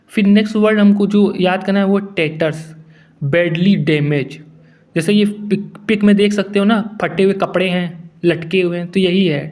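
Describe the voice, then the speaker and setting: A man teaching English vocabulary in a relaxed, conversational way, mixing English words into his Hindi. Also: high voice. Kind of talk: casual explanatory lesson.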